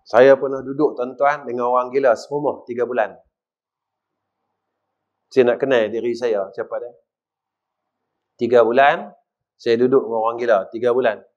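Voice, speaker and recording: A middle-aged man with a northern Malaysian accent giving a mosque lecture, asking the audience questions and swinging between loud and quiet. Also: medium pitch, steady tone, moderate pace, long pauses. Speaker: religious teacher. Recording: dull lo-fi recording.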